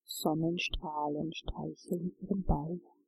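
A woman narrating a guided relaxation journey, giving calm, soothing instructions. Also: low-pitched, slow pace, creaky, breathy edge, no echo, rough recording.

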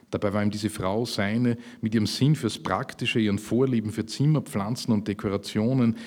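A man reading his own fiction aloud at a literary event, measured and slowing for emphasis. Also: lowish voice, a little mellow. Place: public reading at a literary festival.

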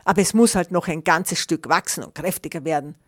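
A woman's voice: on the low side, a little fast, dry recording, clean studio sound, close to an everyday voice. Woman doing a grumbling big brown bear. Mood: worried. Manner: grumbling, exasperated, boastful.

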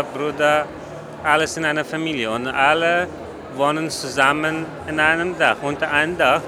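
A man from Afghanistan speaks slightly high, in plain and halting sentences with pauses. He is being interviewed in a big indoor event hall. The recording carries a clear layer of noise. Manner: simple, halting German with pauses. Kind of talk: casual interview talk.

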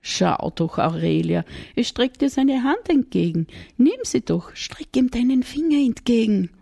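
A woman's voice: fairly high pitch, expressive, a little slow, creaky, warm tone, no room sound, voice pushed up, exaggerated voice. A woman with an Austrian accent voicing a timid, tender-hearted little shepherd boy who talks in a dreamy, gushing way.

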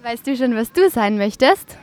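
A woman with a fairly high voice works as a radio reporter at a children's festival. She asks young kids friendly, encouraging questions in an easy, upbeat way. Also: expressive, moderate pace, a little mellow. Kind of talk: event interview with children.

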